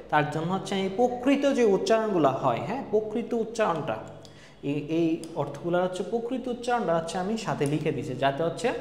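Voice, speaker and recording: A man's voice: sits high, a little mellow. A man gives an online exam-prep English lecture, repeating each point and asking and answering his own questions. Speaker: English teacher. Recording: echoey room with long reverb, faint noise.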